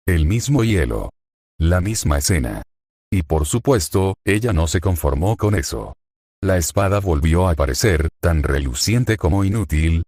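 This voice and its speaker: Deep-voiced man narrating a sardonic story. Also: a little mellow, no echo, studio quality. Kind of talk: scripted narration of fan fiction.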